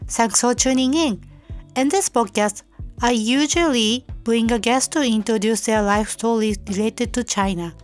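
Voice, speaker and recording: A young Japanese woman hosting her own podcast, reading a prepared self-introduction in careful, measured non-native English. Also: fairly high pitch, faint music behind. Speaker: podcast host. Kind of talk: scripted solo podcast narration.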